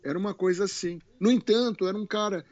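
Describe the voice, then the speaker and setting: A man with a Brazilian Portuguese accent, a guest telling stories in a colloquial, animated way and swearing now and then. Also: high-pitched, quick pace, no echo, highs cut off. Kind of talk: casual podcast conversation.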